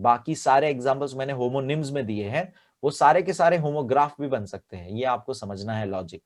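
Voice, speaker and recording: A man's voice: mid-range voice, a little mellow. Man teaching grammar with repetitive explanations. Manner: explains with repetition, mixing Hindi and English. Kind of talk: classroom grammar lesson.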